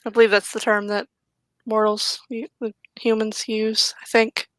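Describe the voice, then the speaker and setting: A woman's voice: on the high side, little pitch movement, normal speed, fairly bright tone, no echo, lightly acted. A woman voicing a blunt, matter-of-fact male werewolf elder who swears casually in a tabletop game. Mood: explaining.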